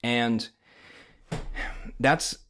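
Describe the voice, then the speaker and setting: A man's voice: medium pitch, drawn-out words, bright, forceful tone, clean tone. A man with an American accent explaining as a language teacher, conversational and often checking that the learner follows. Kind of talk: informal instructional explanation.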